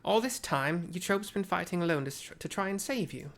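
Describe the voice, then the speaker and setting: Man doing a young woman fighter with a put-on Irish accent, loud, raised pitch, game read-aloud. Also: expressive, fairly quick. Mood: scolding. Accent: attempted Irish. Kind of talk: reading game dialogue aloud.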